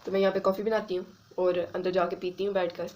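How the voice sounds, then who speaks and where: A woman's voice: lowish voice, level tone, fast, darkish tone, a little hiss or hum, low-quality recording. A woman filming a casual home vlog on her phone camera in her kitchen. She chats to her viewers as friends and coos at a small child. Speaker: family vlogger.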